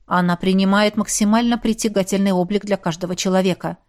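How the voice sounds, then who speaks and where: A woman reading an audiobook and voicing a fierce, fire-wielding male warrior mage who is protective of his beloved, gruff at first and then tender. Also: mid-range voice, fairly even intonation, fast, darkish tone, pitched below the performer's own voice, close to an everyday voice. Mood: explaining. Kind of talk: audiobook character voice.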